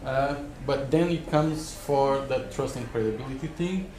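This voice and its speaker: At a live panel in a wood-panelled, echoey conference room, an expert panelist gives startups spontaneous advice. He has a mid-range voice and speaks haltingly, repeating words as he rethinks, with crowd noise in the background.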